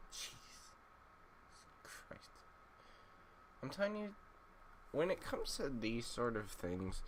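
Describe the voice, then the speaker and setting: A drowsy man with a deep, low voice talks through a game in an unhurried, slow drawl. His commentary is wry and casual, full of mumbled asides, and he sounds sleepy, as if he has just woken up. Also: a little hiss or hum. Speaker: gaming YouTuber.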